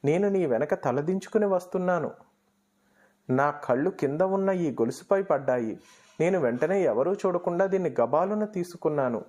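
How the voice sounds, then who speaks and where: A man's voice: a little high, expressive, moderate pace, a little mellow, pitched above the performer's own voice, close to an everyday voice. A man voicing an eager young granddaughter. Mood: excited. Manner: eager, breathless whispering.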